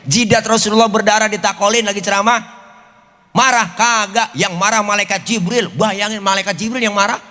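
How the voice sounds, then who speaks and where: A man's voice: high-pitched, steady tone, brisk, pushed and bright. A man with a Betawi accent giving a comic sermon, jokey and full of street slang. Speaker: preacher. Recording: long hall reverb.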